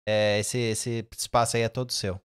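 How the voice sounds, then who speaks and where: A man hosting a podcast, giving relaxed, rambling thanks with fillers as he signs off. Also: on the low side, normal speed, clean tone. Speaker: podcast host. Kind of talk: casual sign-off.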